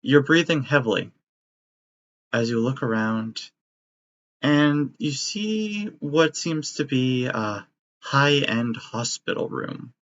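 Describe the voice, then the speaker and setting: A man's voice: medium pitch, slow. Man narrating a tabletop game. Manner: steady, descriptive storytelling. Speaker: game master. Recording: dry, slightly muffled audio.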